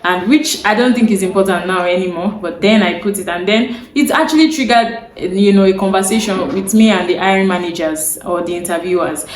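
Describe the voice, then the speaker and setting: With a mid-range voice, she speaks briskly and barely pauses, over slight background noise. She's a young Yoruba-speaking Nigerian woman instructing viewers on careers to camera, restating her key ideas and checking in with the audience, all in a space with roomy echo and faint ambience.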